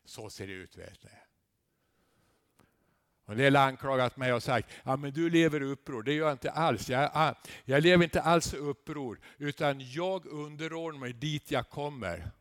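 A man preaching a sermon in a chatty way to the congregation, with asides and tag questions, building to loud emphatic peaks. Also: mid-range voice, no room sound, clean studio sound. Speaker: guest preacher.

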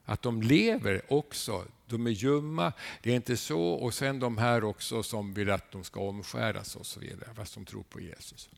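A man preaching a sermon, animated, asking his listeners rhetorical questions and adding a questioning "eh?" to his lines. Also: lowish voice, gravelly, few pauses. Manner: animated storytelling with sudden rises in volume.

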